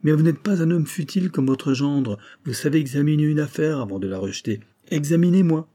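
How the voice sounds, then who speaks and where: A man voicing a proud doctor in a storybook reading, speaking in a raised, insistent register. He lectures with swelling emphasis and thinly veiled threat. The tone stays mellow and slightly husky underneath. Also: fairly high pitch, expressive, fairly quick, pitched above the performer's own voice. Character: proud, threatening Japanese male doctor, middle-aged.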